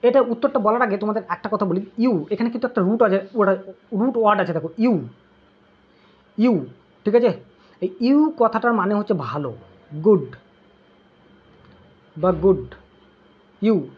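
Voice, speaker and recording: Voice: mid-range voice, expressive, moderate pace, long pauses, breathy edge, highs cut off. A tutor teaching an exam-prep English lesson, asking students questions, answering them, and checking in with "okay?" after each point. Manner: drills terms with constant "okay?" check-ins.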